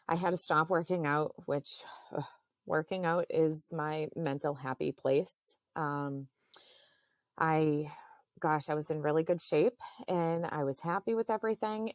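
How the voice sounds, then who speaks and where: Slow-talking woman with a gravelly low voice, earnest and halting, lots of ums. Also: dry recording, studio quality. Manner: halting, with many fillers; earnest and faith-filled. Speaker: podcast guest. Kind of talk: personal storytelling in a podcast interview.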